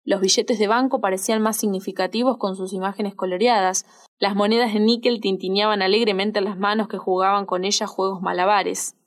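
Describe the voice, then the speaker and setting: A woman with a Rioplatense Spanish accent reads a novel aloud in a measured, expressive narrating voice. Her pitch sits at a middling height for a woman. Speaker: audiobook reader. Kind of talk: literary audiobook narration.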